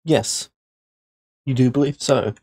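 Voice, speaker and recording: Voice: mid-range voice, takes it slowly, a little mellow, slightly rough. A game master with a mid-range voice of ambiguous sex runs a tabletop role-playing game, narrating scenes and asking players for rolls.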